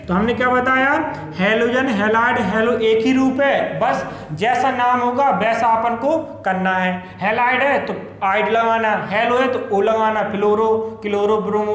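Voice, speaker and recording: Male chemistry teacher, very high voice, call-and-response lecture style, echoey room. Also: a bit bright. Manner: repeats each term and keeps asking "क्या पढ़ेंगे?".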